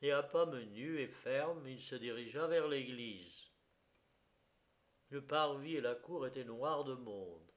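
A man reading a literary story aloud in a measured, expressive narration. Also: mid-range voice.

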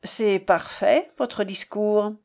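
A woman's voice: medium pitch, fairly even intonation, takes it slowly, creaky, darkish tone. A woman reading the lines of an older male banker who gives curt, clipped replies in a storybook reading.

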